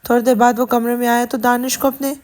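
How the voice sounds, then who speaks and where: A woman narrates a romantic audio novel in steady, scripted storytelling. Her voice sits high.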